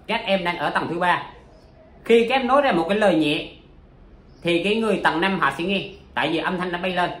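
Chatty poetry teacher. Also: male voice, high-pitched, fairly quick, fairly bright tone, echoey room. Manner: chatty, explains with many examples and fillers. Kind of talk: casual spoken lesson.

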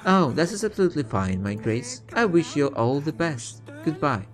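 A man's voice: fairly high pitch, very animated, normal speed, soft background music. A man voicing an ingratiating fortune teller woman from a video game, with mystical, coaxing patter. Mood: coaxing, courteous. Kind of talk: reading game dialogue aloud in character.

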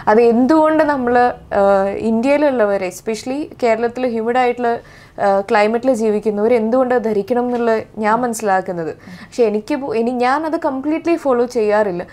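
A young actress with a Malayali accent, answering interview questions thoughtfully and hesitantly, with many fillers and restarts. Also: female voice, on the high side, moderate pace, darkish tone. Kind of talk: casual interview.

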